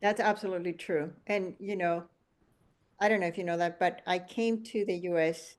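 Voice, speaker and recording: A woman's voice: lowish voice, fairly even intonation, moderate pace, darkish tone. A middle-aged woman from Venezuela hosting a podcast interview, telling stories in a reflective way with frequent restarts. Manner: storytelling, reflective, many restarts. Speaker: podcast host. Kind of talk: conversational interview.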